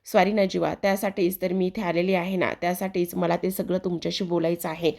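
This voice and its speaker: A woman reading puts on a remorseful young wife who begs her husband to talk to her. The voice is low and gravelly, close to the reader's own. It is a spoken retelling of a TV serial. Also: level tone, fairly quick, darkish tone. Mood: pleading. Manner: pleading.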